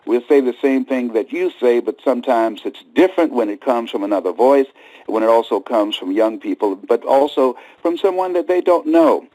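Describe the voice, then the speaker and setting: A man giving an emphatic, preacher-like motivational speech, repeating key lines and swinging from low murmurs to high cries. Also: expressive, normal speed, mellow, low-quality recording. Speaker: motivational speaker. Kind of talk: motivational speech to a live audience.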